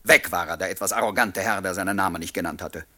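A man with a low, fairly everyday voice talks fast over a noisy background. In a radio play, he's an actor playing an earnest, lovelorn writer who serves as narrator and lead, confiding his story in wistful first-person narration and dialogue.

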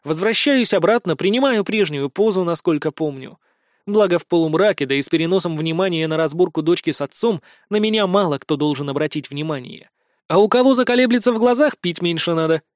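A man's voice: fairly high pitch, a little fast, dry recording, clean studio sound. A man reading a first-person fantasy story in a wry, slangy, conversational manner. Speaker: audiobook narrator.

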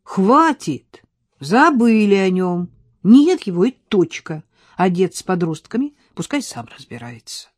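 A fiery, flustered young woman, as the reader plays her, heated and emphatic. Her pitch swings widely, and the sound is dry and close. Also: very animated, normal speed, dark tone, husky, dry recording. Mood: agitated.

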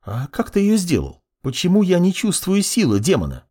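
Man putting on a haughty young demoness, raised lighter voice, lively, a bit husky, audiobook. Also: sits high, moderate pace, pitched above the performer's own voice, heavily acted. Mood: scornful. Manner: condescending, mocking. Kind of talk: audiobook character voice.

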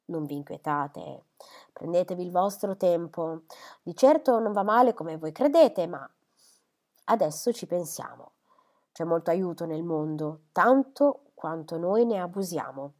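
A woman reading the lines of a kindly middle-aged male country doctor who is a protective father, in an earnest, steady way. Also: on the low side, brisk. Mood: reassuring.

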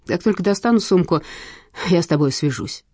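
A woman's voice: lowish voice, expressive, fairly quick, a little mellow, no echo. Woman reading a gloomy young man, cold, dry, curt, audiobook.

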